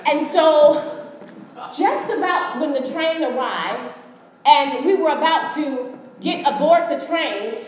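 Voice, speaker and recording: There's a high voice here, with a little hiss or hum, belonging to a woman from the United States. She's telling a story as part of a motivational conference speech, talking directly to the audience in a large hall whose echo leaves long reverb.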